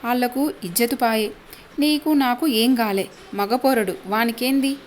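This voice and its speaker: A woman voicing a stern, gruff middle-aged village father who scolds. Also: fairly high pitch, a little slow, a little hiss or hum, close to an everyday voice. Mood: angry.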